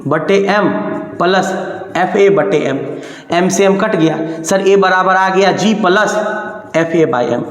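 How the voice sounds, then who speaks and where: A man teaching a physics lecture, coaxing his students and asking and answering his own questions. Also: sits high. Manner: calls students "babu" and "sir". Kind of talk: classroom lecture at a board. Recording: echoey room with long reverb.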